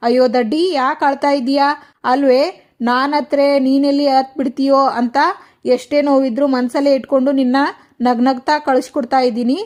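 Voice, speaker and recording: A woman's voice: high-pitched, little pitch movement, a little fast, a little mellow, natural voice. A woman voicing a loving middle-aged mother-in-law who hides her sadness, coaxing and affectionate. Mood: tender.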